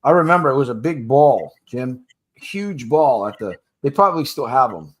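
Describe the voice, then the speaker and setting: A man's voice: mid-range voice, lively intonation, moderate pace. A man hosting a casual livestream for gamblers in recovery, plain-spoken and slangy, coaching listeners directly and laughing easily between points. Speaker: podcast host for gamblers in recovery.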